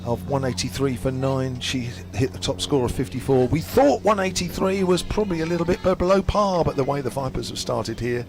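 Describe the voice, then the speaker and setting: A man giving ball-by-ball cricket commentary from a commentary box at a quiet ground, calling each delivery in steady detail. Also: medium pitch, a little fast, few pauses, over music. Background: aircraft noise overhead.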